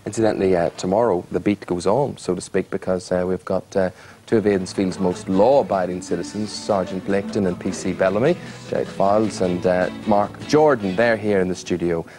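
A man's voice: deep voice, fairly quick, warm tone, soft background music. A man hosting a breakfast television show, teasing his guest in a cheerful, jokey manner in a studio.

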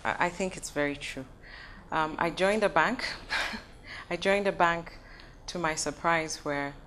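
Brisk woman banker on a panel. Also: low voice, a bit bright, slight background noise. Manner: brisk, concise. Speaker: panelist, bank executive. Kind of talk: panel discussion. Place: indoor conference stage.

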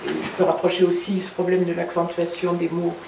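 Gravelly audience member, echoey room. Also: mid-range voice, monotone, fairly quick. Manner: thoughtful, explanatory. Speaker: audience member asking a question. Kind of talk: audience question at a talk. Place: reverberant room in a château. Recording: echoey room, distant mic, faint noise.

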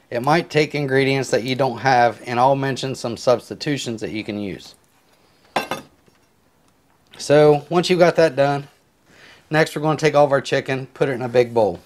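A man talks through a simple recipe while he cuts and seasons, unhurried and a little rambling. His voice sits in an ordinary middle register, picked up close on a clip-on mic in a home kitchen. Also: medium pitch. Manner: relaxed, rambling step-by-step explanations with filler words. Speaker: home cook. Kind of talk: casual cooking tutorial. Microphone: clip-on lapel mic.

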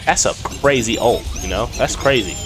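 A young man with a mid-range voice, stuffy from a cold, chats casually at a normal pace with viewers and himself while playing a game. This gaming streamer records at home on a desk mic with a headset, with game music and sound effects behind him.

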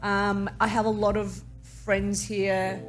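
A woman's voice: medium pitch, flat delivery, slow, faint music behind. Chatty woman guest in a studio. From Vietnam, raised in Australia. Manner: chatty, self-mocking, laughs often. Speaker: guest, journalist. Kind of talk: casual interview chat. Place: studio with neon-lit backdrop. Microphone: studio mic on boom arm.

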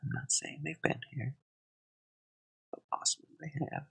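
A soft-spoken ASMR host in close-mic whispers, reading satirical headlines and adding dry deadpan asides. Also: medium pitch, normal speed, gravelly, husky, low-quality recording. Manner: reads headlines, then adds wry deadpan asides.

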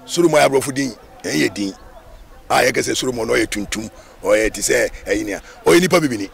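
A man from Ghana, a Rastafarian being interviewed, talking in an animated, emphatic way with many repetitions. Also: mid-range voice, fast talker, creaky. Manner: animated, emphatic, with repetitions and sudden sung phrases. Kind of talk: casual interview talk.

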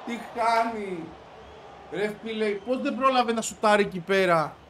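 A man with a stuffy, congested voice giving excited commentary as he plays a football video game, shouting and grumbling at the match. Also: high-pitched, a little hiss or hum. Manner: shouts and yelps at the game, frustrated outbursts. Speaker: gaming video creator.

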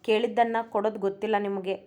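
A woman voicing a young wife who is shy yet cheeky, speaking quickly in a storybook reading. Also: mid-range voice, flat delivery, warm tone, soft background music, lightly acted. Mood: teasing. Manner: timid then teasing, quick delivery.

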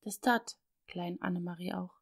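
A woman narrating an audiobook of a classic children's story, expressive and storytelling, dipping into soft whispers. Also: fairly low pitch, moderate pace, creaky, no room sound, studio quality.

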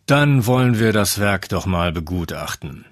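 A man doing a hoarse, barking hulk of a teacher. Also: lowish voice, lively intonation, a little slow, no room sound, studio quality. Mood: sarcastic. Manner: barking, sarcastic commands. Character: hoarse hulking male teacher in his fifties, volatile.

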